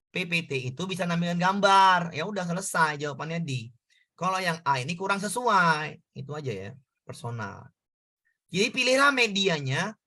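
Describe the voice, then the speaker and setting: A man's voice: high-pitched, pushed and bright. A man tutoring a class through exam questions, talking casually and quizzing his students as he goes. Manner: conversational, asks students questions. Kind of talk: exam prep lesson.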